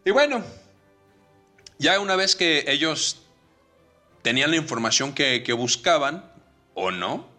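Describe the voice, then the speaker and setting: A Mexican man co-hosting a podcast, with a bright, forward voice and faint music playing underneath. He recaps a film casually, rambling and hesitating as he goes, and keeps slipping into short acted quotes. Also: on the high side, very animated, measured pace, long pauses. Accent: Mexican Spanish. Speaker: podcast co-host. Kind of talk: casual movie recap chat.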